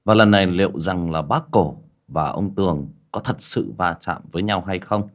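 Deep-voiced male audiobook narrator. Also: normal speed. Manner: conversational, addressing listeners directly.

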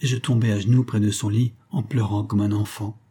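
Male narrator, literary audiobook, husky voice, dark mellow tone, measured pace. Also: lowish voice, level tone.

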